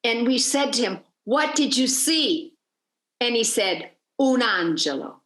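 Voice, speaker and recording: A woman guides a virtual tour and tells a story with energy, acting out each quoted voice. Her voice sits a little high. The sound carries a noticeable room echo. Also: animated, a little slow, a bit bright.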